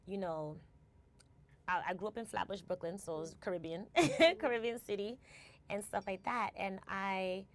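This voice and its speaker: In a casual interview, an American woman who founded a company thinks back on things at a moderate pace and medium pitch. She habitually tags her phrases with "right?" and repeats the starts of words.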